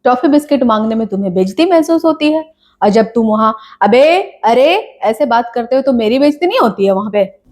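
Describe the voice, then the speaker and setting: A woman playing a complaining, scolding mother in a comedy sketch, nagging in quick bursts. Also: a little high, lively intonation, darkish tone, lightly acted.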